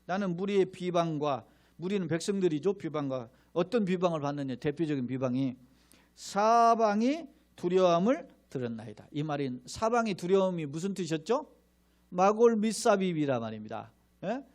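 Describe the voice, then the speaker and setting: A middle-aged male pastor with a high voice preaches with fervor. He throws rhetorical questions at the congregation and slips into mocking voices to act out the crowd. His delivery rises and falls with emphasis. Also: sing-song, normal speed. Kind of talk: sermon.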